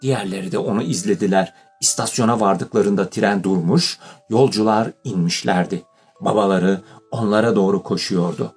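Low husky man narrating a storybook. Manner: steady, measured storytelling. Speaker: audiobook narrator. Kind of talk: scripted narration.

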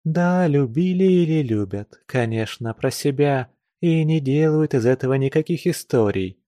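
A man reading a classic novel aloud, voicing a calm, composed young noblewoman with mild, lightly ironic speech. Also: medium pitch, unhurried, dry recording, natural voice.

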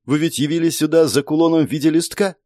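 Male reader as a serene, ageless female spirit; melodic, patient, pitched up, storybook. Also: fast talker, dry recording, clean studio sound, natural voice. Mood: calm, melodic. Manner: melodic, calm, explaining patiently.

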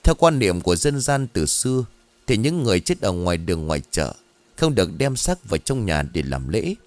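A man narrating a scripted ghost story in an expressive, dramatic storytelling manner. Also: on the low side, brisk, dry recording. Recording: dry close studio voice over faint music.

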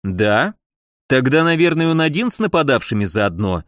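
A man's voice: medium pitch, sing-song, moderate pace, no echo, studio quality, close to an everyday voice. A man voicing a haughty, powerful prince in an audiobook, drawling with scorn. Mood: menacing.

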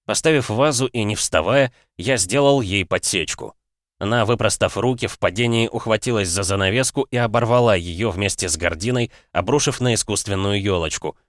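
Low-voiced male audiobook narrator, dry. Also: normal speed, no room sound. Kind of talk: first-person scripted narration.

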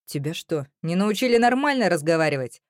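A woman voicing an angry young man who talks with a sharp, raised voice. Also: mid-range voice, big pitch swings, unhurried, dry recording, clean studio sound, voice pushed up.

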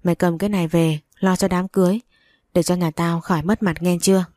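A woman voicing a gruff, weary older matriarch who speaks bluntly and commandingly in an audio story. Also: fairly low pitch, fairly even intonation, fast, mellow, dry recording, studio quality, lightly acted. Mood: stern.

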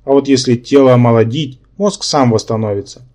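A man's voice: mid-range voice, a little mellow, natural voice. A man voicing a male brain-polyp symbiont who lectures and argues, in an audiobook. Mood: lecturing. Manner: lecturing, quick to take offence.

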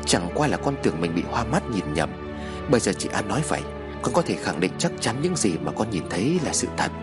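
A man's voice: lowish voice, very animated, fairly quick, over loud music. Man doing an anxious young father. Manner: hushed, anxious. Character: worried young father, uneasy brother.

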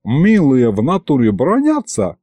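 A man's voice: mid-range voice, huge pitch swings, a little slow, warm tone, dry recording. A man voicing a mischievous male imp who talks in teasing street slang.

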